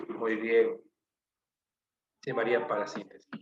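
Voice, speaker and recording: A man with a Peruvian Spanish accent teaches an online grammar class, quizzing students, repeating their answers and listing examples. His voice is lowish, flat and a little slow. The recording is muffled, with an echoey room and faint noise.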